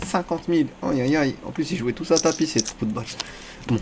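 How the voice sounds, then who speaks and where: A man giving live commentary on his own online poker game, talking to himself and the other players in crude casual slang and often breaking into high-pitched squeals. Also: fairly quick, background noise.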